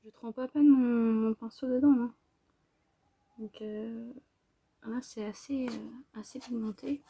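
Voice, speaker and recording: A woman narrating a makeup tutorial in a soft, hesitant way, often dropping to a whisper. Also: fairly high pitch, fairly even intonation, measured pace, creaky, slightly rough. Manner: hesitant, many fillers. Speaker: makeup vlogger.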